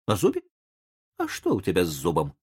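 A lowered, matronly voice, as a reader puts her on belongs to a stern old aunt. She scolds briskly and sees through every trick, with the lively rise and fall of a storybook reading. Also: slightly rough, full character voice. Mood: scolding. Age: older.

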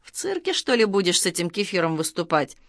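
A woman's voice: on the low side, sing-song, brisk, fairly bright tone, dry recording, studio quality. A woman reading aloud, voicing a jolly middle-aged male police officer who teases and orders kids about. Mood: amused, mocking.

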